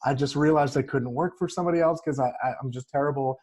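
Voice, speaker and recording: A man hosting a podcast, asking questions in a relaxed, friendly way with frequent restarts. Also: medium pitch, fast, slightly rough. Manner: easygoing, repeats and restarts, friendly. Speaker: podcast host. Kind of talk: casual interview.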